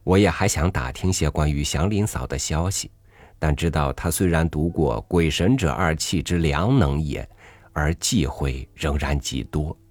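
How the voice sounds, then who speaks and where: A man narrating a literary story in a measured, reflective reading. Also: extremely low pitch, darkish tone, no room sound.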